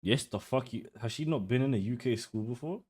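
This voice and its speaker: A young British man talks straight at his live-stream chat, brash and blunt, cursing freely. His voice sits in an ordinary middle pitch. He mocks what he watches without holding back. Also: brisk, darkish tone, breathy edge. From United Kingdom. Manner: blunt, brash, heavy swearing, mocking. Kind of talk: casual live-stream reaction commentary.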